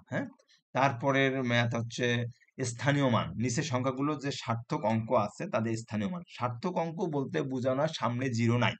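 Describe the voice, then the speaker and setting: A male math teacher, giving a classroom lesson. He counts out place values slowly and keeps asking whether the students follow. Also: mid-range voice. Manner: patient, repeats "হ্যাঁ?" to check students follow.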